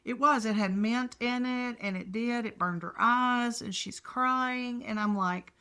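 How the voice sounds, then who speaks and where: A woman's voice: on the high side, sharp tone, clear, resonant tone. An older woman co-hosting a podcast from a hotel room, rambling through stories with restarts. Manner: slow, rambling storyteller with restarts. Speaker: podcast co-host. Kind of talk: casual chat.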